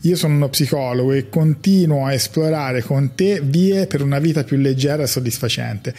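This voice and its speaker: A man in his forties, a psychologist, giving a measured, reflective talk to camera on a studio mic in a small bright room. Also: mid-range voice, soft background music. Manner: measured, reflective, gestures while talking. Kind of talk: calm explanatory monologue to camera. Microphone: large studio mic on a stand in front of him.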